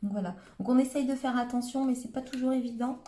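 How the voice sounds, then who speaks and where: A woman's voice: high-pitched, fast talker, dark tone. A woman with a Hauts-de-France accent, chatting her way through a live crafting demonstration and narrating each step as she works. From Hauts-de-France, northern France. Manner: chatty, narrates her hands-on steps with frequent "hop" and "voilà". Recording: roomy echo.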